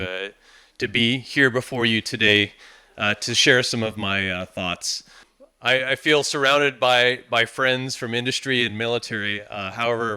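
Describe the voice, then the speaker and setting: An American man in his fifties giving a formal conference presentation, halting, with frequent pauses and repeated words. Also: medium pitch, sharp tone, clear, resonant tone. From United States. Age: 50s. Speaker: conference speaker, defense industry executive.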